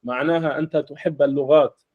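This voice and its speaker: A man interviewing a guest, asking short, simple questions slowly. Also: a little high, fairly even intonation, narrow, tinny audio. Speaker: interviewer, channel host. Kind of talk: interview in formal Arabic.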